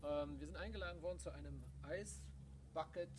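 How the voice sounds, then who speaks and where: A man's voice: fairly high pitch, normal speed. A middle-aged man co-hosting a casual, unscripted video outdoors, talking to a camera a few metres away. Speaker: podcast co-host. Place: outdoors in a garden. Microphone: camera mic a few metres away. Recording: noisy outdoor camera recording from a distance.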